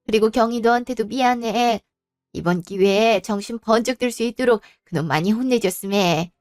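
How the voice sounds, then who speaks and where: A woman voicing an older mother-in-law who apologizes humbly and gently for her son. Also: on the high side, moderate pace, no echo, studio quality, soft background music, close to an everyday voice. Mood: apologetic. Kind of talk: storybook voice acting.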